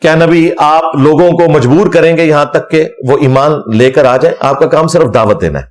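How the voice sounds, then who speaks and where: A man, an Islamic scholar, giving a religious lecture in an animated, scornful manner and reciting Arabic verses along the way. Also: fairly high pitch.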